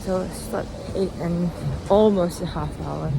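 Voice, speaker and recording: Walking along a street, the host of a personal walk-and-talk podcast rambles casually on her own, chirpy and giggly, chuckling between phrases, halting often and saying "like" a lot. Her voice is fairly low, and the clear recording picks up passing cars and urban ambience.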